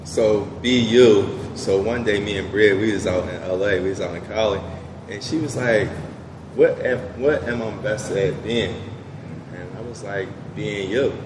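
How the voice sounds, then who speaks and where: A man's voice: fairly low pitch, unhurried. A young man, answering interview questions in a laid-back way with many fillers. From Southwest Philadelphia. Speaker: business owner guest. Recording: echoey room with background noise.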